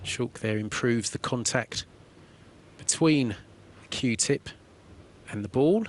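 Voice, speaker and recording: A man giving calm, explanatory play-by-play commentary on a billiards match. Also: medium pitch, slow, a little hiss or hum. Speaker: sports commentator.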